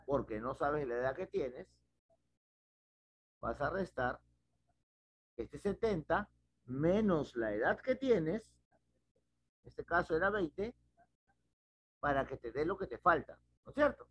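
A middle-aged math teacher wearing a headset runs an online class at a whiteboard in a small home room, walking students patiently through a problem with step-by-step questions. His fairly high voice is sing-song and breathy, slow, with frequent pauses. The video call audio is dull and lo-fi.

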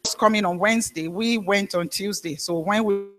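A woman pastor preaching a sermon, telling a story in a halting way with frequent restarts. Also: mid-range voice, music in the background.

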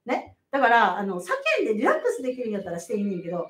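A middle-aged midwife with a Kansai accent, giving animated, laughing, emphatic advice in a casual live stream. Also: female voice, medium pitch, very fast, roomy sound, far from the mic.

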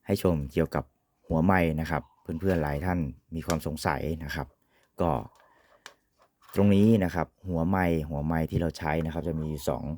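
A man's voice: extremely low pitch, fairly even intonation, normal speed, a little mellow. A man giving an informal, polite product demonstration as an equipment reviewer, often ending phrases with courtesy particles.

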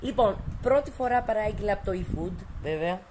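A woman's voice: medium pitch, lively intonation, noisy background. A woman in her late thirties, chatting casually and teasingly to her viewers while vlogging with her family at home and out at a tavern. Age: late 30s. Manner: chatty, talks straight to viewers, teasing asides. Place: home and outdoor tavern at night.

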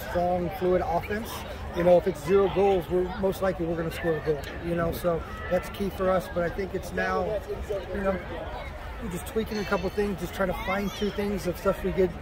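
Coach, high-pitched man, casual halting answers, outdoor stadium crowd behind. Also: fairly even intonation. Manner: casual, repeats words, many "you know" fillers. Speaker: soccer coach at a postgame press conference. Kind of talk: postgame press conference answers. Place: outdoors at a stadium after a match.

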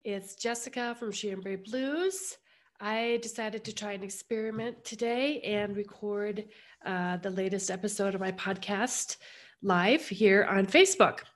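A woman hosts a casual live podcast in a mid-pitched voice. She sounds gravelly and a little hoarse, as if under the weather. Her delivery is conversational and earnest, like talking straight to her listeners. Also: unhurried. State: hoarse from being sick. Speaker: podcast host. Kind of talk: casual live-streamed talk about sewing.

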